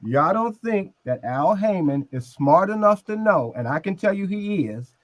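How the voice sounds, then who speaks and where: Insistent high-voiced man in a debate. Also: animated, moderate pace, no room sound, highs cut off. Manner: insistent, explains step by step. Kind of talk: heated group debate.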